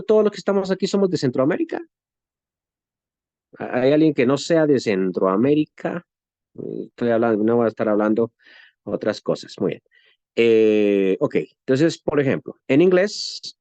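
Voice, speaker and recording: A man's voice: mid-range voice, darkish tone, dry recording. A man from Guatemala with a western Guatemalan Spanish accent, teaching a Bible lesson in a conversational way, asking rhetorical questions and often adding "¿no?".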